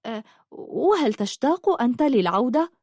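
A woman's voice: on the high side, big pitch swings, normal speed, a little mellow, dry recording. A woman voicing a shy, earnest young woman who stammers when flustered, in a dry storybook reading. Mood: wistful.

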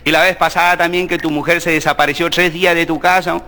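A man's voice: on the high side, level tone, quick pace, pushed and bright, pitched below the performer's own voice. A man voicing a dying Chilean man who slyly confesses to his business partner in crude slang, with a Chilean accent. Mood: sly confession. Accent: Chilean Spanish. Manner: sly, crude slang, guilty chuckles.

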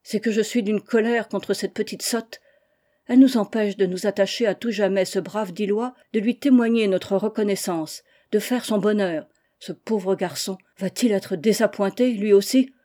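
A woman reading the part of a hot-tempered older general who blusters indignantly, in a mellow voice. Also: mid-range voice, normal speed, natural voice. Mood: blustering. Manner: blustering, indignant, loud outbursts.

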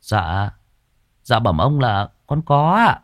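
A man's voice: medium pitch, very animated, slow, no room sound, clean studio sound. A man voicing a timid, dim-witted young servant, humble and dazed. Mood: meek.

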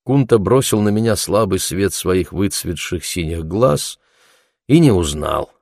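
Deep-voiced man narrating an audiobook. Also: expressive, gravelly, darkish tone, no echo, studio quality. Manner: measured, reflective.

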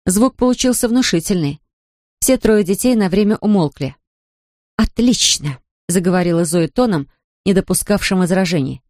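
A woman's voice: on the low side, brisk, warm tone, no room sound, clean studio sound. Woman reading an audiobook. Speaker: audiobook narrator. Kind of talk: scripted narration.

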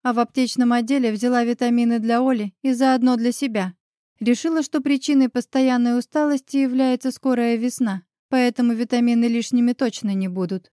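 A woman reads a first-person novel as an audiobook, calm and even in her storytelling. Her voice sits fairly high. The recording is dry and close, with no room sound. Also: brisk, dry recording. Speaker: audiobook narrator.

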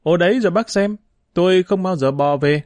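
A man's voice: sits high, fairly quick, darkish tone, no room sound, pitched above the performer's own voice, close to an everyday voice. A man voicing a stubborn, tearful poor young boy who talks back defiantly in a raised voice.

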